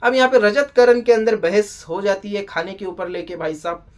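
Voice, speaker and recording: TV show reviewer, casual spoken recap, middle pitch, animated, exclaiming, scolding. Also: normal speed.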